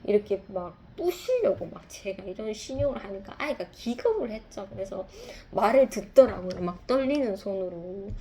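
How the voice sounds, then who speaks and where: A woman's voice: medium pitch, warm tone, a little hiss or hum. A woman, a mother, telling a reflective personal story in a confessional, rambling way, full of fillers and restarts. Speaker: mother sharing a testimony.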